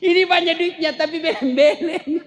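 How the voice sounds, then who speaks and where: Preacher, male, from South Sulawesi: very high-pitched, animated, jokey sermon delivery. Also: normal speed. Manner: animated storytelling, joking. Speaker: Islamic preacher. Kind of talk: humorous sermon.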